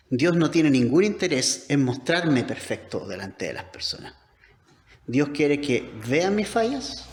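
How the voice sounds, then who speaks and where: Male pastor, somewhat high voice, emphatic conversational sermon, reverberant church hall. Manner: emphatic, conversational preaching with rhetorical questions.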